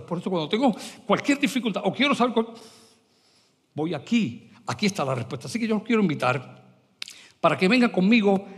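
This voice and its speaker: A man preaching a lively sermon as pastor, mixing English words into his speech. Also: high-pitched, breathy edge, long reverb tail. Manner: animated, mixes English words into Spanish.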